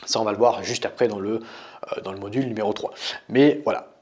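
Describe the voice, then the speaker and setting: A man's voice: fairly low pitch, a little fast, a little mellow. A young man from France, a dating coach, explaining in a casual tutorial, talking straight to the listener with frequent fillers. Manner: casual, addresses listener as tu, frequent "tu vois" and "euh". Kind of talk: screen-recorded tutorial.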